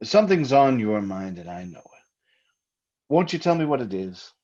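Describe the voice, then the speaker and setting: In an old-time radio thriller, a man plays a solicitous husband, soothing and patronising with swooping intonation that hides a quiet menace. His medium-pitched, slightly mellow voice moves a little slowly with big pitch swings, and the sound is slightly dull and lo-fi.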